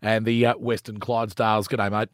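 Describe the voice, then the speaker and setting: A man's voice: lowish voice, level tone, a little fast, dry recording, studio quality. An Australian man hosting a radio show in a conversational, matey and informal way.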